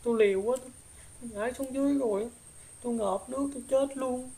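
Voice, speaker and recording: A woman's voice: high-pitched, fast, dark tone, slight background noise, lightly acted. A woman with a Southern Vietnamese accent voicing the ghost of a young woman, a gossip who now regrets her deeds, rambling through her story with filler particles. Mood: rueful telling. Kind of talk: spirit possession drama.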